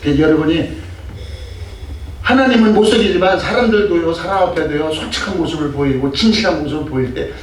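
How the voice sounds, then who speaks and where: An older man preaching a fervent sermon with a fairly high voice, firing off rhetorical questions. He sounds far from the microphone in a very echoey church sanctuary with a faint hiss behind him. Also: brisk. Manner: emphatic, rhetorical questions, acts out scolding. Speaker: pastor. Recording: echoey distant church mic with faint noise.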